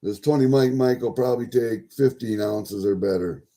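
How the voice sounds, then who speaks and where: A man chatting casually to viewers as a livestream host, folksy and sweary, thinking out loud as he goes. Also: mid-range voice, normal speed. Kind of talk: casual rambling chat to viewers.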